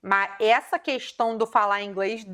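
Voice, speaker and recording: A woman from Brazil, hosting a casual chat, telling animated, slangy stories and acting out the dialogue. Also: mid-range voice, normal speed. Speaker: host.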